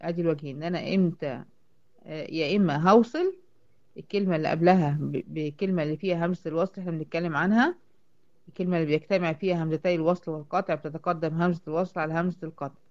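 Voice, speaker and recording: Egyptian woman, recitation teacher, fast explaining delivery, quizzes herself, dull lo-fi audio. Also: sits low, darkish tone. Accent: Egyptian Arabic. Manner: explains step by step, asking and answering her own questions; slows right down to sound out words. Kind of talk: online tajweed lesson.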